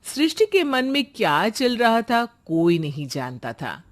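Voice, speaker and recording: A woman's voice: a little high, very animated, unhurried. A woman narrating a scripted moral story as a storyteller.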